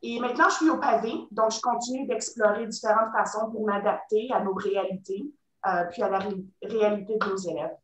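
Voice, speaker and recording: Forties Canadian French woman, halting webinar testimony, roomy and distant laptop sound. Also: mid-range voice, fairly even intonation, a little hiss or hum. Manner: hesitant, many fillers and restarts. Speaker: teacher guest. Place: home room. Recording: roomy sound, far from mic.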